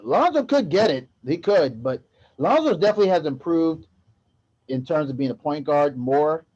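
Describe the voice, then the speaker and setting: Man, podcast host, excitable, mellow dark tone, dull lo-fi sound. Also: a little high, normal speed. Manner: excitable, gets loud. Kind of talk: casual basketball chat. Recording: dull lo-fi audio.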